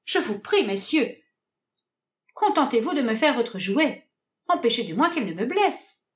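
A woman's voice: on the high side, very animated, unhurried. A woman voicing a timid, prim, lovesick young woman in a read-aloud stage comedy, plaintive, earnest and theatrical. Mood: pleading.

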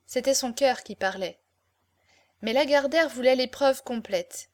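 A woman narrating a classic novel, with measured, expressive reading. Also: sits high. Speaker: audiobook narrator.

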